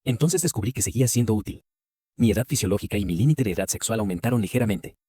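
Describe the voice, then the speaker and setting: A man giving a scripted first-person story narration with a brisk, even storytelling read. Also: on the low side, husky, no echo.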